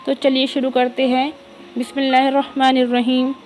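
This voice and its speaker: A woman with an Indian accent, teaching an early reading lesson by spelling words out letter by letter, slow and drawn-out. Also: high voice, monotone, a little mellow, soft background music, rough recording. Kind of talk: spelling lesson for young children.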